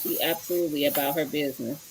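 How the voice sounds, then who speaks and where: Female livestream host, lowish voice, loose and chatty, greets viewers as she goes. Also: fairly even intonation, quick pace, heavy background noise. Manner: chatty, greets viewers by name, searches while talking. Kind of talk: casual livestream chat.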